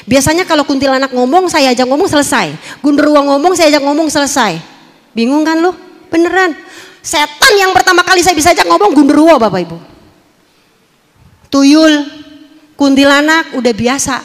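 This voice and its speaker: A woman, giving a lively, animated church testimony and speaking straight to the congregation. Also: high-pitched, moderate pace, in a large hall. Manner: lively, animated storytelling, addressing the audience directly.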